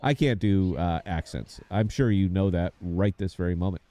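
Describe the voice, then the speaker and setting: Dark-voiced man streaming a game. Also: low voice, moderate pace, dry recording. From United States. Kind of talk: casual gameplay commentary.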